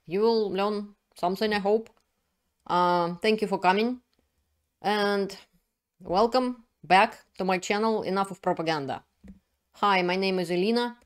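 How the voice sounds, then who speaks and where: A woman's voice: mid-range voice, unhurried, clean tone. A middle-aged woman from Russia with a Russian accent, hosting her own channel and explaining news in an earnest way, with frequent fillers and restarts. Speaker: channel host. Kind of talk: solo commentary video.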